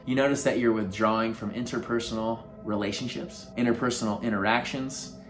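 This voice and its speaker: Low-voiced casual male life coach. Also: steady tone, a little fast, soft background music. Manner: casual, earnest, filler-heavy. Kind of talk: motivational advice talk to camera.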